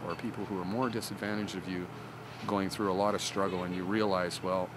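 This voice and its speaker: A man talking reflectively in a documentary interview, philosophical and halting as he searches for words. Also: deep voice, steady tone. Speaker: harpist and storyteller. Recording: music or outdoor traffic noise behind voice.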